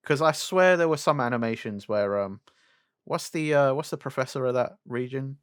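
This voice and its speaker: A young man with a mid-pitched voice and a dry, close sound chats casually as a co-host. He gripes freely, swears, and throws out rhetorical questions. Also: normal speed, smooth, no room sound. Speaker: podcast co-host. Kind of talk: casual chat about animation and games.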